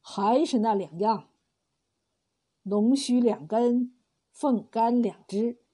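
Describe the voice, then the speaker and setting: A woman voicing a kind, wise old male village healer who speaks slowly and calmly in a storybook tale. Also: on the high side, husky.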